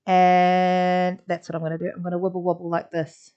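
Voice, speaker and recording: This art teacher's voice is fairly low, monotone, clear, and resonant, delivered at normal speed during a live online drawing lesson. Even so, she's chatty and encouraging, with small sound effects as she draws, on slightly dull lo-fi audio.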